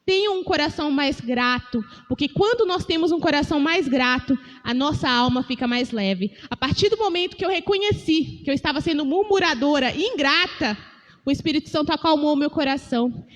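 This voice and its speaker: A woman's voice: high-pitched, fairly bright tone, big-room sound. A woman giving a devotional sermon in a church, calling the listeners brothers and often laughing as she tells a story from her own week. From Brazil. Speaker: church speaker. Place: church hall.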